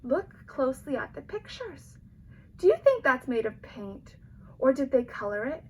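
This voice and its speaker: A woman with a high voice reads a storybook to young children at a moderate pace, speaking to them directly and asking them questions in an animated, emphatic way. She sounds like a teacher, and the low-quality recording carries slight background noise.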